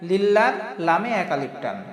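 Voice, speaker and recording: A man teaching a slow recitation lesson, patiently repeating phrases and stretching out the vowels. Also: sits high, very animated. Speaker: religious teacher. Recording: echoey room with long reverb.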